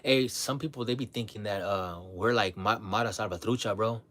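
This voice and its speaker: A man talking casually to his livestream audience, relaxed and blunt, sprinkling his talk with "man" and "bro", often repeating and restarting his words. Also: on the low side, a little fast. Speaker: livestream host.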